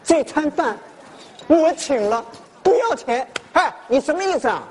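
An actor playing a boastful male freeloader who cons restaurants, talking loud, indignant and theatrical in a stage comedy sketch. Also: very high voice, lively intonation, measured pace. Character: boastful freeloading male con man diner.

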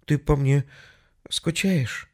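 A man voicing a frightened woman who asks hushed, bewildered questions over a bad phone line. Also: on the high side, takes it slowly, pitched above the performer's own voice. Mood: anxious.

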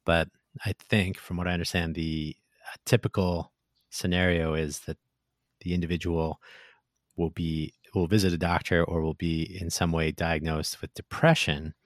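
A man's voice: deep voice, flat delivery, moderate pace, no echo, studio quality. A man co-hosting a casual tech talk, thoughtful and hesitant, restarting his sentences often.

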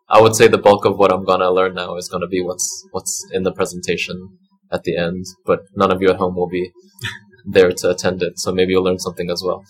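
A man's voice: low voice, husky, poor audio. A young man hosting a podcast, chatting casually in a rambling, laid-back way. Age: young adult. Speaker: podcast host, student.

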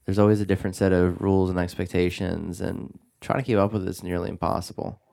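Low gravelly guy hosting a podcast, laid back, rambles a bit. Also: little pitch movement, fast talker, mellow. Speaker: podcast host. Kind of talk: casual chat.

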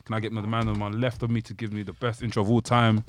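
Fast-talking London roadman podcast host, man. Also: on the low side, flat delivery. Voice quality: London roadman slang-heavy delivery. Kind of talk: casual podcast banter.

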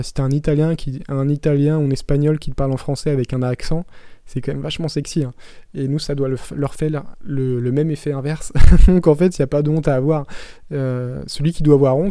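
A podcast host talks to his listeners in a frank, easygoing way. His voice is very dark and smooth, with a fairly flat melody. The recording is dry and close, with no room sound. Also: mid-range voice, fast talker, no echo. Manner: frank, conversational, addresses the listener directly. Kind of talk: casual podcast monologue.

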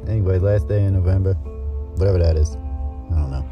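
A man's voice: low-pitched, a little fast, close to an everyday voice. A man playing a tired married factory worker who mutters and rambles through his journal entries in a comedy voice-over. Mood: deflated. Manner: rambling, muttering, wry self-talk. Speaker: journal writer. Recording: muffled lo-fi with music behind.

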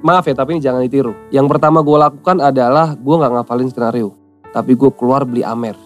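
He talks fast at a medium pitch, faint music underneath, a young Central Javanese man sharing a story in casual podcast slang. Whenever he quotes someone, he acts out their voice.

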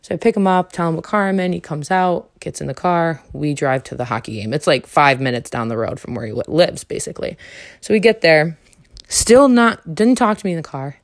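A young adult woman hosting a podcast, telling a casual story animatedly and acting out quoted lines with sudden high jumps. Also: fairly quick, dry recording, clean studio sound. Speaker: podcast host.

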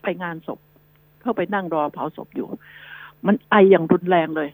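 A woman's voice: lowish voice, normal speed, darkish tone, no echo, poor audio. A woman hosting a radio news show, giving chatty, rambling advice to her listeners. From Thailand. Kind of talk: casual radio talk.

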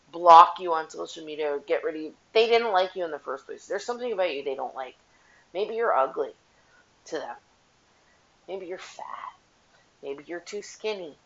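A blunt, frank woman hosts a podcast while doing her dishes, her low, gravelly voice coming through a headset mic. The recording has a dull, tinny, metallic tin-can sound. A faint clatter of dishes runs underneath her talk. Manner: blunt and profane, frank opinions. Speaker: podcast host. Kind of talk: casual solo podcast chat. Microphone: headphones with mic.

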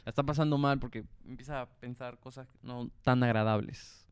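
A young man co-hosting a podcast in casual chat, soft-spoken, joking and laid-back. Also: mid-range voice, fairly even intonation, fairly quick, clean tone, no echo, studio quality. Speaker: podcast co-host.

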